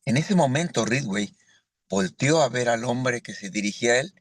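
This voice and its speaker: Speaking at normal speed in an expressive, mid-range voice, a Mexican man gives an earnest sermon as a lay preacher. Rhetorical "¿verdad?" questions to the congregation come up often, and the recording has no echo.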